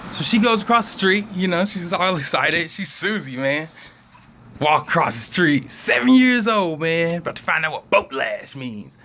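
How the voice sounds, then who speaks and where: A man spinning a comic yarn for a friend, his pitch swinging lively up and down. He talks in a loose, slangy way and laughs often. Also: normal speed, a little hiss or hum. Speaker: storyteller. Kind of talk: casual comedic storytelling.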